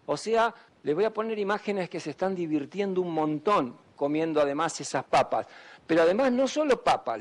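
A man, a doctor giving an emphatic public talk to students and often asking them questions. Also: high voice. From Argentina. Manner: asks the audience questions, emphatic.

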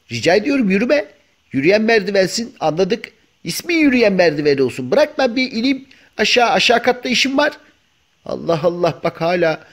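A man voicing a chatty male house cat in a comic dubbing of pet videos, joking and grumbling with many exclamations. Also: sits high. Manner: colloquial, joking, full of exclamations.

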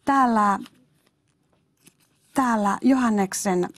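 A woman preacher giving a sermon, emphatic, exclaiming hallelujahs and speaking straight to her listeners. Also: fairly high pitch.

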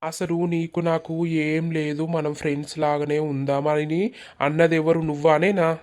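Performer as a sulking village man in a cartoon, Telangana accent, monotone, reproachful and pleading. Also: mid-range voice, unhurried, close to an everyday voice. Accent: Telangana Telugu. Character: hurt, resentful village man in love. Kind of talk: animated village comedy dialogue.

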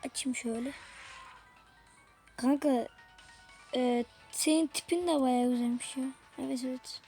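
A high-pitched woman gives rapid, slangy let's-play commentary, chatting with her viewers and her teammates. Clear game music plays behind her voice the whole time. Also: steady tone, warm tone. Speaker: gaming video creator.

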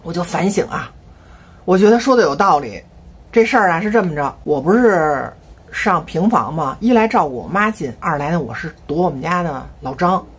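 A woman's voice: lowish voice, lively intonation, moderate pace, slightly rough. A woman in her fifties with a Beijing accent, talking to her viewers in a chatty, rambling, confiding monologue. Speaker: family vlogger.

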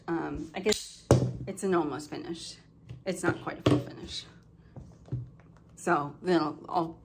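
A woman's voice: low voice, creaky, slight background noise. A woman vlogging about her cross-stitch projects in a casual, rambling show-and-tell way, with lots of ums and self-corrections, a bit congested. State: slightly congested, coughing now and then.

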